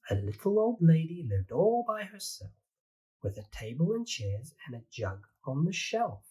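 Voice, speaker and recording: A reader narrating a rhyming children's picture book aloud with a rhythmic, expressive delivery. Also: medium pitch, moderate pace, husky, rough recording. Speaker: storybook reader.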